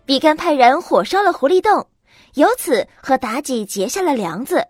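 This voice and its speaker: A woman narrating a classic tale as a storyteller, in a lively, dramatic way. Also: high voice, moderate pace, no echo, clean studio sound, soft background music.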